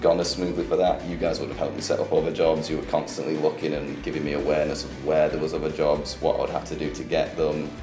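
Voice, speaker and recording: A young man in his twenties talks easily and cheerfully about his experiences. His voice sits very low. The room is echoey, with faint music underneath. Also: quick pace, hardly any pauses. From England. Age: 20s. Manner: relaxed, upbeat, easygoing. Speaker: interviewee. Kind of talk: casual interview chat. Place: small office studio, indoors.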